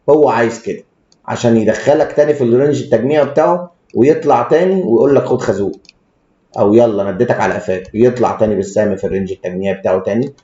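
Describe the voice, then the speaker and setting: A man with a warm, medium-pitched voice and an Egyptian Arabic accent rattles off rapid, technical stock market commentary that is blunt and crude. He keeps stumbling and restarting. The room is echoey and the sound is dull and lo-fi.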